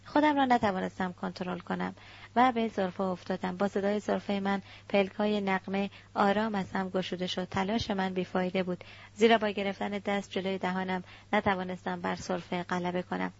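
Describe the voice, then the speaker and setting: A woman's voice: medium pitch, steady tone, vocal fry. A woman narrating a novel in the first person in a sorrowful storytelling manner. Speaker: audiobook narrator. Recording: dull lo-fi recording.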